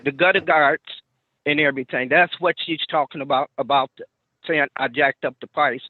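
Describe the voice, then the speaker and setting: A man testifying to a judge over a muffled phone line, speaking haltingly and repeating his words. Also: fairly high pitch, fairly even intonation, dry recording. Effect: muffled, tinny phone line. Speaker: party in a court hearing. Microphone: telephone. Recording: dry narrow phone-line sound.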